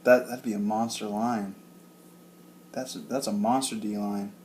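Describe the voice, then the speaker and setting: A man co-hosting a casual sports chat, animated and getting loud when he rants. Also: on the low side, a little slow, a little hiss or hum. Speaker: co-host.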